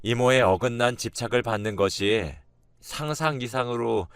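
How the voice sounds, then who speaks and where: A man narrating a first-person spoken story in a steady, confessional way. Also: medium pitch, moderate pace, clean tone, no echo.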